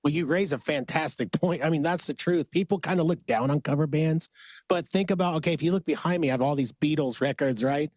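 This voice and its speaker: A man hosts a podcast from a studio, his smoky, slightly mellow voice sitting on the high side and moving fairly quickly over a dry recording. In casual, upbeat chat, he urges listeners to get out and support music.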